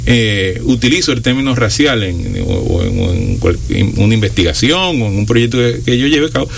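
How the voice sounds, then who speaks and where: A man's voice: mid-range voice, expressive, moderate pace, vocal fry, slight background noise. A man from the Dominican Republic with a Dominican Spanish accent, a university lecturer and radio guest, who talks hesitantly with many restarts before emphatic bursts. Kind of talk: radio talk show conversation.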